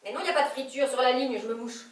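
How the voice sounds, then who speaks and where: A woman's voice: high-pitched, close to an everyday voice. A woman playing a giddy lovestruck secretary. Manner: giddy, gushing, quick to laugh. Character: bubbly young female temp secretary, secret journalist. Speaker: stage actress. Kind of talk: live stage comedy acting. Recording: echoey stage from far off.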